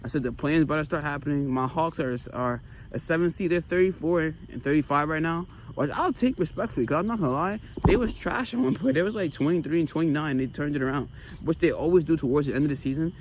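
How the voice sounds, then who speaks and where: An American man chatting casually about sports while walking, emphatic and animated, often repeating phrases for emphasis. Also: fairly high pitch, fast, low-quality recording. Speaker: sports vlogger. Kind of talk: casual rambling sports chat. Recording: clear street noise with passing vehicles.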